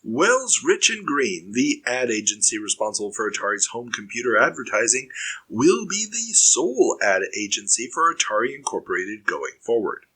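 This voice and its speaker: Male podcast host, bright forward tone, reads headlines then riffs casually. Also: mid-range voice, sing-song, moderate pace, rough recording. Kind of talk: reading news items and chatting.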